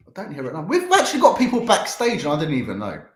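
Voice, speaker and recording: A man hosting a live charity game stream, chatting excitedly to viewers as he plays. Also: a little high, racing, roomy sound. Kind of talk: live gameplay commentary.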